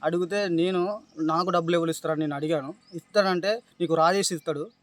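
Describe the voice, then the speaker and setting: A man with a Telangana Telugu accent giving distressed, halting testimony in an interview, pleading and repeatedly addressing the listener as sir. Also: fairly high pitch, fairly even intonation, no echo. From Telangana, India. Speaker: complainant describing police abuse.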